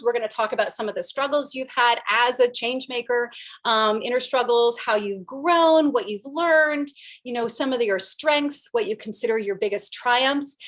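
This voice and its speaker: A woman's voice: fairly high pitch, a bit bright. A woman hosting a casual interview, asking long, rambling questions in an eager way and laughing easily. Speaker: interview host.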